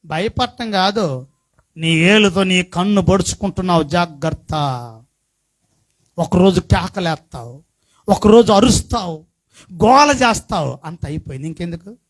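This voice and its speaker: A middle-aged pastor delivers a sermon in a high-pitched male voice. He poses questions to the congregation and swings from soft, conversational asides to loud, shouted passages. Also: measured pace, pauses often. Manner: swings from quiet talk to shouted preaching.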